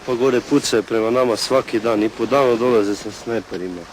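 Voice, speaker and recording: A man speaking as a soldier, hurried and giving directions outdoors at a front line. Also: mid-range voice. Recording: noisy outdoor archive field recording.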